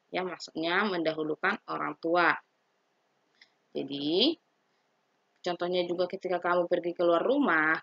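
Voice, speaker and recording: Low-voiced woman teaching children. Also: vocal fry, a bit bright, breathy edge, no room sound. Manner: patient, repetitive, often adds "ya, Nak, ya". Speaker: religion teacher. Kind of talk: recorded lesson for children. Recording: dry, dull lo-fi sound.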